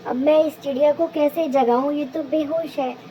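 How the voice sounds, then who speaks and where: A woman's voice: high voice, fairly even intonation, normal speed, warm tone, a little hiss or hum, natural voice, low-quality recording. A woman voicing a kind, protective male cloud in a cartoon, soothing and pleading. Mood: caring.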